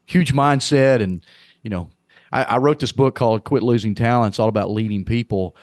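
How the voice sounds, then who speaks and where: In a casual interview on a podcast, a middle-aged Arkansas man with a Southern accent talks earnestly about leadership, rambling and repeating himself often. His voice sits at a medium pitch, slightly mellow, at a normal speed. The sound is dry and studio quality.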